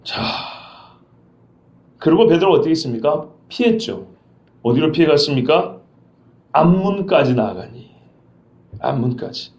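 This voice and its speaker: A man's voice: a little high, sing-song, normal speed, long pauses, a little mellow. A male pastor preaching an expository sermon, acting out scenes and quizzing his congregation. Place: church sanctuary. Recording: roomy dull church recording.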